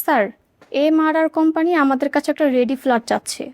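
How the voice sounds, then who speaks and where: A woman's voice: high-pitched, fast, over music, lightly acted. An actress playing a deferential young office assistant reporting to her boss. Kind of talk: TV drama acting.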